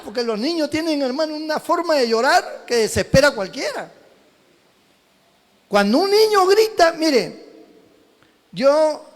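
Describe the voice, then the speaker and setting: A pastor from Peru preaching a sermon, telling stories with animated swings from shouts to hushed asides. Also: male voice, extremely high pitch. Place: church.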